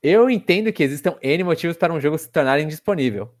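Higher-voiced young Brazilian man hosting a podcast. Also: animated, quick pace. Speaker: podcast host. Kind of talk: casual podcast discussion.

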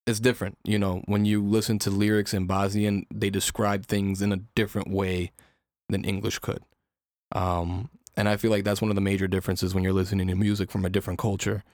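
A young man with a low, flat voice talks quickly as he hosts a casual podcast. His questions ramble and circle around. The sound is close and dry, with no room around it. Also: no echo. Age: young adult. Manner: relaxed, probing questions, loose rambling phrasing. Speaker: podcast host.

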